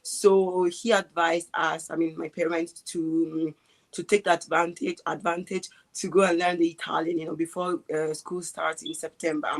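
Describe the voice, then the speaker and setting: A woman in her twenties from Ghana, a guest chatting casually on a video call, relaxed and hesitant, with many fillers and restarts. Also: fairly low pitch, moderate pace. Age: 20s. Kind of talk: casual interview chat.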